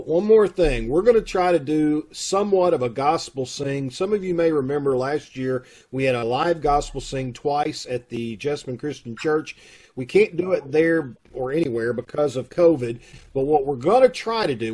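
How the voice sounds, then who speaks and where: Over a video call, this man with a Kentucky accent heads a theater troupe and rambles through his announcements in a folksy way, full of fillers. He sounds a little high-pitched, slightly mellow, and husky.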